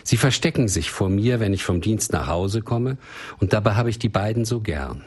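A guilt-ridden father pours out his worries, read by a man in his own low voice. The voice is deep and husky, with a lively sweep of pitch. It sounds like a quiet storybook reading more than a performance. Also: normal speed. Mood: despairing. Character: desperate middle-aged father, remorseful and helpless.

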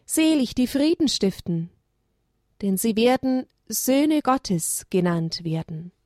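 Slow, gentle woman reading a story. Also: on the high side, expressive, no echo, studio quality.

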